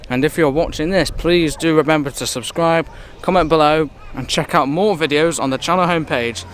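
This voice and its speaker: A man's voice: on the high side, normal speed, fairly bright tone. Chatty English man at a car show. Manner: enthusiastic, chatty, rambling. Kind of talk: casual walkaround commentary.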